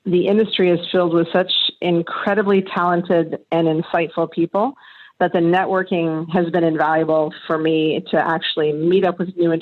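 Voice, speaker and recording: A woman being interviewed on a podcast, talking earnestly and thoughtfully with frequent restarts. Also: on the low side. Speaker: interview guest, past association chair. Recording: tinny phone-like remote line.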